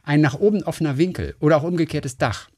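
A man's voice: a little high, quick pace, a little mellow. A man co-hosting a casual chat, rambling, reading facts aloud and correcting himself as he goes.

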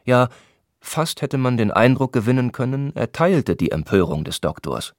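A man calmly reading a literary novel aloud in a measured, descriptive way. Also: medium pitch, dry recording, clean studio sound. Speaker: audiobook narrator. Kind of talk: scripted literary narration.

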